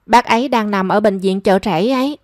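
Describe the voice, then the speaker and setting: A woman voicing a brisk, matter-of-fact young female friend. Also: medium pitch, dry recording, clean studio sound, lightly acted.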